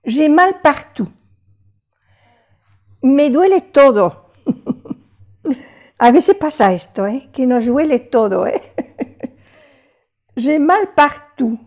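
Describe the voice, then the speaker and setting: An older woman teaching French phrases in a lesson, patiently repeating each phrase slowly. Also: high voice, animated, darkish tone. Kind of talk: language lesson.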